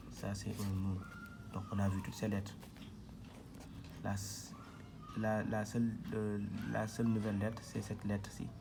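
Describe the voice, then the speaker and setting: Slow, gravelly man teaching at a board. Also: on the low side, background noise. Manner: patient, repetitive, spells out syllables one by one. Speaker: Quran reading teacher. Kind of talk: slow board lesson, syllable drilling.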